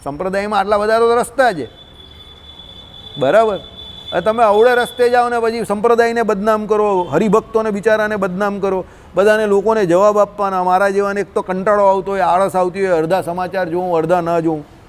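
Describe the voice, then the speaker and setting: A man's voice: sits high, steady tone, fairly quick. A man, teaching scripture in a scolding, colloquial way, full of rhetorical questions. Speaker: religious teacher. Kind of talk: scriptural discourse.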